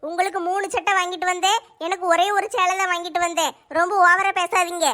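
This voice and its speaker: A woman's voice: very high voice, fairly even intonation, quick pace, pushed and bright. A woman voicing a sulky, quarrelsome housewife who nags indignantly. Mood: nagging. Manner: nagging, indignant.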